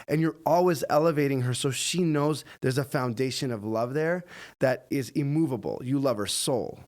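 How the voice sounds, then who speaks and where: A man's voice: mid-range voice, normal speed, a little mellow. A man co-hosting a podcast in casual chat, speaking earnestly, reflecting and affirming his partner. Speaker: podcast co-host.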